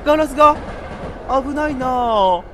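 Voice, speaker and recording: A man playing a horror game, giving joking running commentary and breaking into sudden shouts. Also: very high-pitched, lively intonation, unhurried, noisy background. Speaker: VTuber game streamer.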